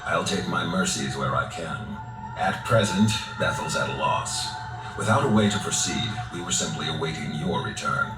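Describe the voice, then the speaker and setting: Deep, grave male actor as a game director. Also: lightly acted. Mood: weary, businesslike. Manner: formal, measured, deliberate. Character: grave, composed male director of a secret organization. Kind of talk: video game voice acting. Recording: roomy, distant sound under loud music.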